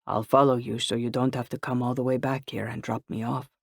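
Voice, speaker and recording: A man reading an earnest, gentle young man. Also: medium pitch, no echo, studio quality, lightly acted. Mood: tender. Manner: soft-spoken and slow. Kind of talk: audiobook character voice.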